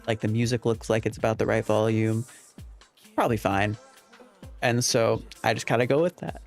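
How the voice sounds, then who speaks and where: A livestream host, a man with a fairly low pitch, rambles casually as he answers his viewers. His tone stays steady and his pace moderate, and he keeps things conversational while soft music plays behind him.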